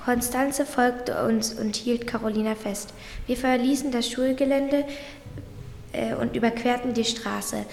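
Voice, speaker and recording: A woman's voice: a little high, a little mellow. A woman carefully reading a diary-style story aloud, with small slips. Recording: roomy recording with long reverb and faint background noise.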